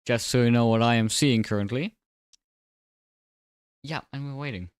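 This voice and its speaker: A man speaking with braces that make his S sounds slightly off, chatting casually and commentating on a livestream in a low-key, dryly sarcastic way. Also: moderate pace, clean tone, no room sound, studio quality. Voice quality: slightly slurred, odd S sounds from new braces. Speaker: livestreamer and sim racing commentator.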